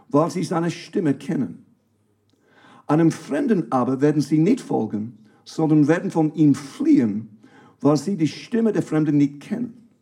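A man's voice: a little high, mellow, breathy edge. A man preaching a sermon, reading scripture aloud and praying, emphatic and calling out to his listeners, with English words mixed into his German. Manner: emphatic, calls out to the congregation.

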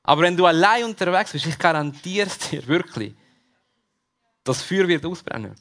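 A man's voice: a little high, expressive, moderate pace, fairly bright tone. A man with a Swiss German accent preaching a sermon at a church service, talking straight to the congregation and repeating his key questions. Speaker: pastor.

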